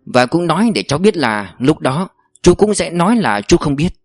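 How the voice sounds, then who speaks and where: A man's voice: a little high, sing-song, moderate pace, no echo, soft background music, voice pushed up. A man reading an audiobook voices an older bank executive's assistant who gives firm, calculating orders. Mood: commanding. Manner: firm, commanding.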